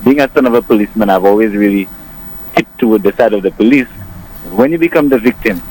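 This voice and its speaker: A man's voice: fairly low pitch, quick pace, a little mellow. A man calling into a radio show over a weak phone line, speaking casually with many fillers and restarts. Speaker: radio call-in caller. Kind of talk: casual call-in praise.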